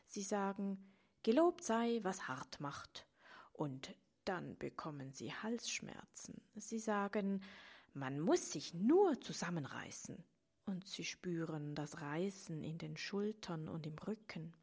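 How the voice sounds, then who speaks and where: A woman voicing the frail grey spirit of sadness, who speaks in a hoarse, halting whisper and sounds mistrustful. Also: lowish voice, animated, a little mellow, exaggerated voice. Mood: mournful.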